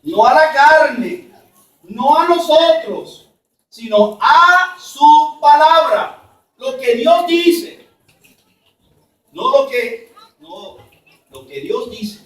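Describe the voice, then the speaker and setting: Man, preacher, sermon, emphatic, slow, distant echoey hall. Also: lively intonation. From Mexico. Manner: emphatic, drops to soft low asides. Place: church conference hall. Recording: roomy echo, from far off.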